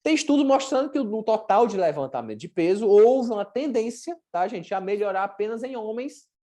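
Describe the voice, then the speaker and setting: A woman's voice: mid-range voice, expressive, fairly quick, dark tone. A woman with a Brazilian Portuguese accent teaching a workshop in a blunt, chatty way, with slang and acted-out examples. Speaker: workshop presenter, sports nutrition. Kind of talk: informal teaching talk.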